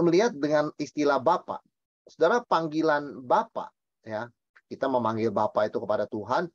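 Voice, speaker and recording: A man, a pastor, teaching a Bible study in a lively, emphatic way, asking and answering his own questions and mixing in English words. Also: medium pitch, no echo, highs cut off.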